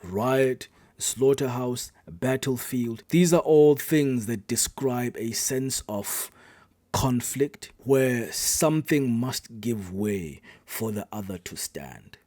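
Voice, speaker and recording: A man reacting to a poem, giving thoughtful, analytical commentary that often trails off quietly at the end of a thought. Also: mid-range voice, expressive, slow, no echo.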